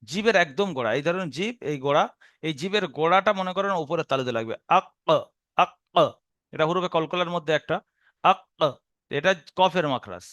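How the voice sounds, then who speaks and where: A man teaching where Arabic letters are pronounced, patiently repeating and demonstrating each sound slowly, with a Bengali accent. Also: fairly high pitch, lively intonation, fairly bright tone, no room sound. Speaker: Quran recitation teacher. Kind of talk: explaining Arabic letter pronunciation.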